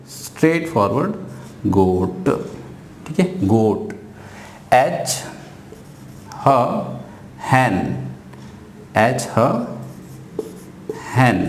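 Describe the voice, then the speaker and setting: A man's voice: medium pitch, a little mellow. A man teaching children the phonic sounds of letters, repeating each sound and asking questions as he corrects mispronunciations. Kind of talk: slow phonics lesson for children. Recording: echoey room with faint noise.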